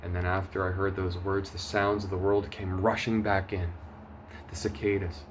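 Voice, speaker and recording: A testimony vlogger with a low-pitched voice shares his personal story straight to the camera at a moderate pace, with little pitch movement. He is earnest and emotional, swinging between urgent loud bursts and hushed, near-whispered quiet. A faint hiss sits behind him.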